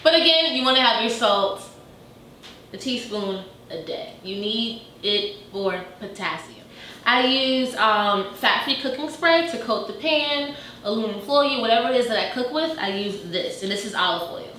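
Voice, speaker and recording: A woman's voice: fairly high pitch, animated, normal speed, bright, forceful tone, a little hiss or hum. A young woman in a home kitchen, chatting casually as a fitness vlogger while showing her food items, upbeat and full of fillers. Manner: chatty and upbeat, many fillers like "you know" and "like". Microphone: camera mic from a few meters away. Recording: echoey kitchen, voice a bit distant.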